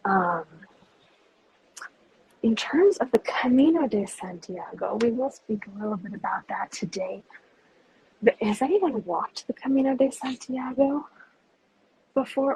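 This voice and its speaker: A woman working as a tour guide, chatting enthusiastically with live viewers in a breathy voice that is sometimes kept soft. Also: medium pitch, poor audio. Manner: speaks softly at times. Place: inside a large stone cathedral. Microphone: handheld phone without stabilizer.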